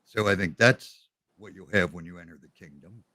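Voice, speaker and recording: A man co-hosting a casual faith discussion, giving his views in an easygoing, measured way. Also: low-pitched, pushed and bright, no echo. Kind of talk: casual discussion on a live stream.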